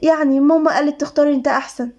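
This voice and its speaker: A woman's voice: high-pitched, fairly even intonation, rapid-fire, darkish tone, lo-fi sound, close to an everyday voice. A woman with an Egyptian accent voicing a playful young bride in a storybook reading, teasing and cheerful. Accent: Egyptian Arabic.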